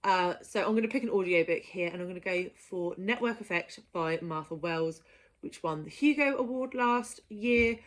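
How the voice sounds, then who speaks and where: A book vlogger presents a reading list in a casual, chatty monologue to viewers, playful and enthusiastic and given to giggling. Her voice is on the low side at normal speed.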